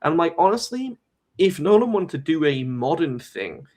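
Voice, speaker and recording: A man's voice: fairly high pitch, very animated, normal speed, darkish tone. A young man hosting a casual live-stream discussion, talking in a rambling way with many fillers and restarts. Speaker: host.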